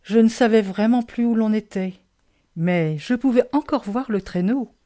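A woman reading a children's picture book aloud, gentle and expressive, with a lively storytelling emphasis. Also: fairly high pitch, normal speed.

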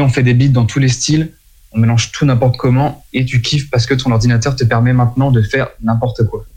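A man talks through a music genre for an audience, explaining it step by step at a middle pitch. He stumbles over a word now and then and excuses himself before going on. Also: darkish tone. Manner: explanatory, with small slips and apologies. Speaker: music presenter.

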